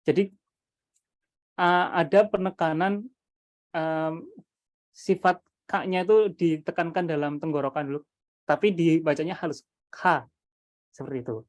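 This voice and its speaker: A man's voice: fairly high pitch, fairly even intonation, normal speed, pauses often. A man presenting his Quran reading method to teachers over a video call, thinking aloud with many fillers and restarts.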